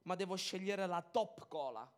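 A man preaching a sermon, acting out dialogues and swinging between loud outbursts and hushed asides. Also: high voice, moderate pace. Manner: animated, acts out dialogues, swings from shouting to hushed.

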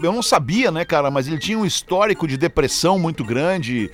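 A man hosting a comedy radio podcast, reading out birthdays and chatting with his co-hosts in a drawn-out announcing style. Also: fairly high pitch, expressive. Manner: drawn-out announcing of names, easygoing chat. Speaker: host reading the day's birthdays.

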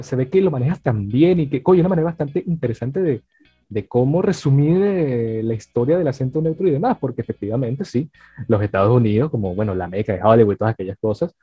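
A man's voice: medium pitch, husky, no echo. A man hosting an interview, asking long, rambling questions full of fillers. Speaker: interview host. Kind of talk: casual interview talk. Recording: dry dull sound, faint music.

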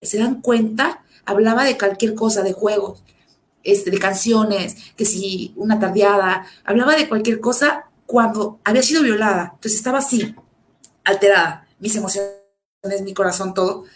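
A woman tells her own story in a halting way, stumbling through fillers and restarts. Her voice sits at a middle pitch and often drops low and quiet as she speaks. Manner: emotional, often dropping to a low, soft voice. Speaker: survivor sharing her story. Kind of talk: personal testimony.

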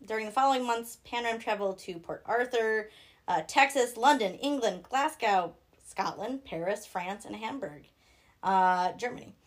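A young woman with a Minnesotan accent co-hosts a casual true-crime chat. Her voice sits a little high. She rambles and giggles, with lots of ums and uhs. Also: normal speed. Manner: rambling, giggly, many fillers. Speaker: podcast co-host.

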